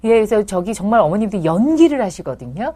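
Lively, chatty woman giving parenting advice. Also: mid-range voice, fast talker. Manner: animated, playfully acts out parents' and children's lines; chatty and reassuring, addresses mothers directly. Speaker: child psychology expert and host. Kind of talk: live parenting advice answering viewer comments.

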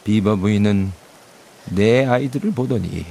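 A man reads a storybook as its narrator. His voice is fairly low, with a clear creak at the edges. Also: a little slow, dark tone, a little hiss or hum.

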